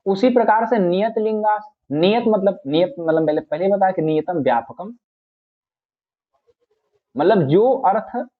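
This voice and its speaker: A man teaching grammar in a patient lecture, repeating each point and reciting classical phrases. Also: sits high. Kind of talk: explanatory lecture. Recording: tinny phone-like audio.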